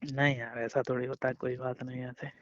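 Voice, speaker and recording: A man with a Hindustani accent talks to his girlfriend on a casual, romantic phone call, playfully coaxing her and insisting again and again. His voice is medium-pitched with little variation and a brisk pace, and the call sounds muffled with a slight hiss or hum.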